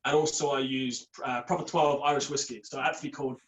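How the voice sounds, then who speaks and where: Speaking fast in a mid-range voice with fairly even intonation, a young Scottish man with an English accent chats casually as a podcast guest over a call. The beard product entrepreneur rambles upbeat through his story, captured on a low-quality recording.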